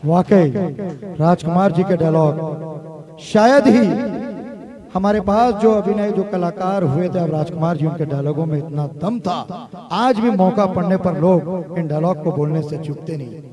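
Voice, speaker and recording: A man hosts a live TV show and heaps effusive praise on the performers. His voice runs high. Crowd noise sits behind him. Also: unhurried. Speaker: TV show host.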